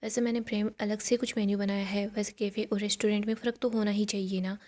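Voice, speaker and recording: A woman's voice: medium pitch, level tone, fast, darkish tone, natural voice. Give me a self-assured, cutting young businesswoman, voiced by a woman. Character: proud confident young businesswoman.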